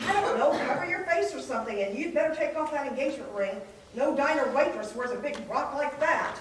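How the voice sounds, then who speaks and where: Woman playing high-voiced flustered waitress, echoey hall. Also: expressive, fairly quick. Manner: nervous, hedging, blurting. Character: flustered, evasive diner waitress covering for her friend. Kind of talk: amateur comic stage play. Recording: distant echoey hall, noisy, clicks.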